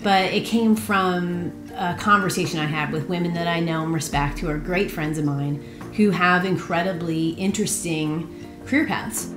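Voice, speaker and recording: A woman's voice: fairly low pitch, fairly even intonation, normal speed. A woman talking earnestly in an interview about a book project she started. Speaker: founder of a women's book project. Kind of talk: reflective interview talk. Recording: roomy with music behind.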